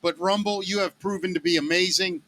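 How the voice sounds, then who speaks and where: Male podcast co-host, bright and a touch high, eager and effusive. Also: fairly even intonation, a little fast. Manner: enthusiastic, effusive. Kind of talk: casual podcast chat.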